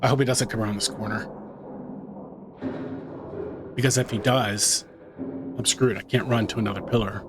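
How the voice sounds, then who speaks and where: A man's voice: fairly low pitch, fairly even intonation, moderate pace, pauses often, over music. Man narrating his horror game run. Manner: tense running commentary, muttering to himself. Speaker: gaming YouTuber. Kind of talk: let's-play commentary.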